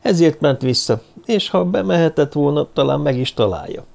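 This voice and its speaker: A man voicing a quick, impatient, sharp-witted detective in an audiobook, eager and commanding. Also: fairly high pitch, animated, gravelly, pitched above the performer's own voice. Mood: thoughtful. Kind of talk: audiobook character voice.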